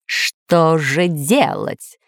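A woman voicing a brooding, weary villain lord in a storybook reading, low and snappish. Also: extremely slow, no room sound, studio quality, full character voice. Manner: gloomy, snapping.

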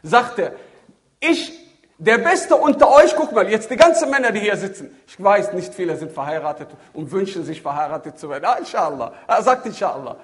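A man giving a sermon to a seated audience, swinging from loud exclamations to low murmured phrases. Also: lively intonation, a little fast, hardly any pauses. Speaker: preacher. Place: lecture hall with seated audience.

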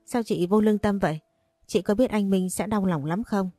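A woman's voice: mid-range voice, normal speed, dark tone, no room sound, clean studio sound, soft background music, lightly acted. A woman voicing a spiteful young sister-in-law who accuses with whiny, mock-tearful complaints, in a storybook reading. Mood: accusing.

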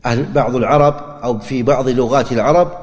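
A man's voice: mid-range voice, fairly even intonation, quick pace. A man teaching a lecture on religious rulings, explaining step by step, repeating key phrases and asking and answering his own questions. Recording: long hall reverb.

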